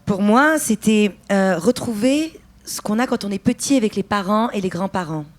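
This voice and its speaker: A woman's voice: medium pitch, lively intonation, moderate pace. A woman from France, an actress and writer, answering festival interview questions in a thoughtful way, often searching for words.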